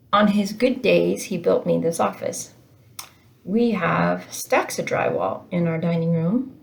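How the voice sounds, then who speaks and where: Gravelly-voiced woman teaching an online class. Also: fairly low pitch. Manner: casual, chatty explaining with frequent "uh" and "um". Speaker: English teacher. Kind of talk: recorded online lecture. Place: home office.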